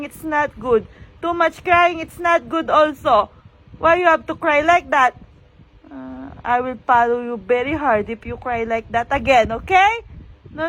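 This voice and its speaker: A woman speaking as a mother, scolding a crying child in a high sing-song voice, mixing English and Tagalog. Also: fairly bright tone, a little hiss or hum, rough recording.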